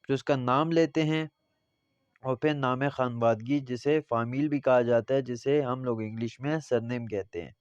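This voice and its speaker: A male teacher with a Pakistani Urdu accent giving a Persian language lesson, reading phrases slowly and then explaining them. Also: mid-range voice, fairly even intonation, clear, resonant tone, no echo. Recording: slightly dull lo-fi audio.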